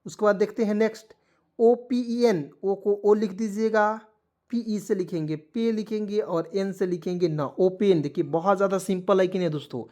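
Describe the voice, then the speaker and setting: A man's voice: high-pitched, moderate pace, a little mellow. Male teacher, patient and repetitive, quizzing viewers word by word, with motivational asides. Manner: repetitive, coaxing, keeps asking what it reads as. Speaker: English teacher. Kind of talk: blackboard lesson explaining spelling and pronunciation.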